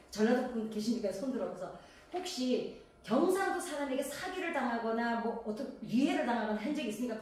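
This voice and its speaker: A woman's voice: a little high, darkish tone, slight background noise. Woman preacher from gangwon, chatty sermon, lots of questions at the crowd, big echoey hall, mic kinda far. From Gangwon Province, South Korea. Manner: conversational preaching full of rhetorical questions to the congregation.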